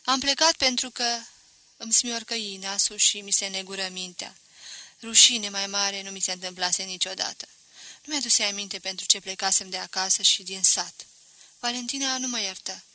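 A woman reading a literary novel aloud as an audiobook, in a measured, expressive manner. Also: medium pitch, low-quality recording. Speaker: audiobook reader.

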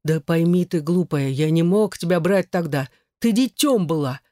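A man's voice: on the high side, moderate pace, dark tone, no echo, studio quality, close to an everyday voice. A man reading an audiobook voices a hot-tempered young husband who growls through his teeth. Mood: defiant.

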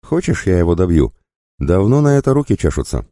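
A man's voice: sits low, expressive, moderate pace, warm tone, no room sound, clean studio sound, pitched above the performer's own voice. A man voicing a sly, cruel bandit who goads and mocks. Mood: jeering. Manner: jeering, goading.

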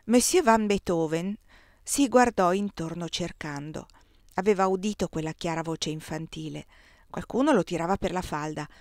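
A woman reading a first-person novel aloud as an audiobook, measured and expressive, on a close mic. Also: fairly low pitch, dry recording. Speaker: audiobook reader.

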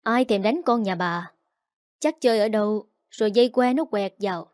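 Give me a woman playing a spiteful young shrew, scolding and rude, with a warm, dark tone. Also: mid-range voice, moderate pace, no room sound, clean studio sound, lightly acted. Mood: defiant. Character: spiteful young woman, sharp-tongued bully.

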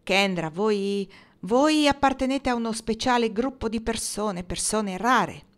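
Woman reading a halting, awkward young man. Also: fairly high pitch, voice pushed up, natural voice. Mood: hesitant. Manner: halting, hesitant, with pauses.

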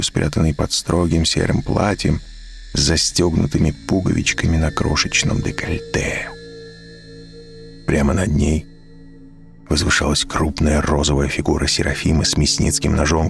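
A man narrating a story in first person, calm and wry. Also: extremely low pitch, vocal fry.

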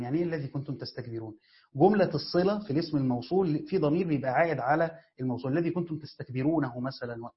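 Fast-talking Egyptian man teaching a lesson. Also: medium pitch. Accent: Egyptian Arabic. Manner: quizzes listeners then answers his own questions. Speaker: teacher of Quran exegesis. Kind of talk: classroom lesson, explaining grammar. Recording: dull lo-fi recording.

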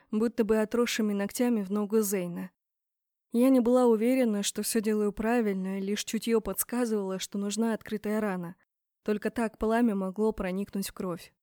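A woman's voice: medium pitch, dark tone, dry recording, studio quality. A woman narrating a first-person fantasy audiobook in a tense, dramatic manner.

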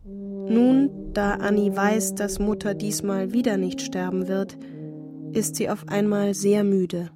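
A woman narrating as a grown daughter in a radio play, quiet, bitter and reflective as she addresses her mother. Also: medium pitch, flat delivery, slow pace, music in the background, close to an everyday voice.

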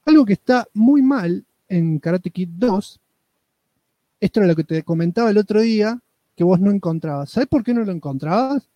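A man's voice: high-pitched, expressive, moderate pace, warm tone, dry recording, highs cut off. A man with an Argentine accent co-hosting a casual podcast, reading listener comments and teasing with mock indignation. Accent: Argentine Spanish. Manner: joking, mock-indignant, playful.

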